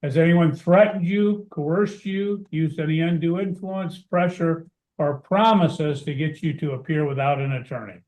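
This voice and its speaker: A man's voice: on the high side, measured pace, few pauses, a little mellow. A man speaking as a judge in formal court proceedings, putting questions in procedural, formulaic wording, with a roomy echo. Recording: roomy, echoing sound.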